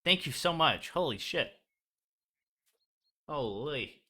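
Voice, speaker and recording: A man's voice: on the high side, expressive, slow pace, pushed and bright. A young man streaming a game, chatting loosely and joking with his viewers. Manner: loose, joking, talks to chat. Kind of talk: casual game stream chat.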